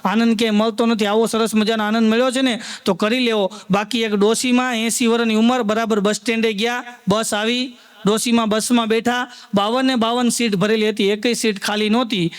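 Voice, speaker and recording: A man performs live stand-up. His voice sits very high, and he tells homely stories, slipping into the voices of the old people in them. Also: level tone, a little fast, clear, resonant tone. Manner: folksy storyteller addressing the audience as sir, acting out old folks. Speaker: stand-up comedian.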